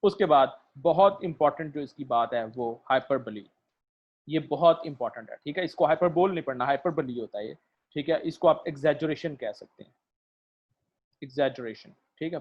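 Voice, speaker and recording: A man giving a literature lecture, mixing in English terms, hesitating with fillers and keeping on asking his students "right?". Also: a little high. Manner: keeps checking "theek hai?" and fills pauses with "uh", mixing in English terms. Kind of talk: recorded lecture. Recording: dull lo-fi recording.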